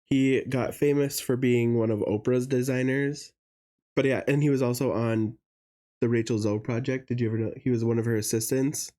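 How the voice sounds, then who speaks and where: A man's voice: medium pitch, fairly even intonation, normal speed, warm tone. A young adult man co-hosting a podcast, gossiping in casual chat with lots of fillers. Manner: chatty, gossipy, many fillers. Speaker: podcast co-host.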